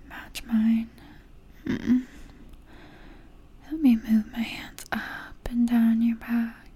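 Woman whispering real slow, super breathy, high but dark and mellow tone. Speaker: audio roleplay performer. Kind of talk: intimate whispered audio roleplay.

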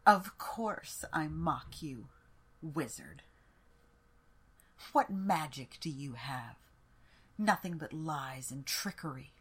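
A woman voicing a haughty, cruel warlord queen who mocks her captive in a slow, sneering, half-whispered way. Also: deep voice, animated, a bit bright, breathy edge, full character voice. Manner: sneering, mocking, slow and deliberate.

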